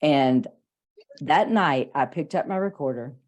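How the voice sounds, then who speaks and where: A woman co-hosts a podcast in an easygoing, chatty way, her voice fairly low for a woman. She tells her stories with energy and acts out the lines she quotes. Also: expressive, a little slow, a little mellow. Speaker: podcast co-host. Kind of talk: casual chat.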